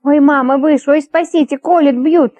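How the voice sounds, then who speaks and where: A woman's voice: fairly high pitch, measured pace, darkish tone, pitched above the performer's own voice. A woman reading an audiobook, voicing a raving drunk man in delirium who howls and panics. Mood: panicked. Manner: howling, panicky, slurred.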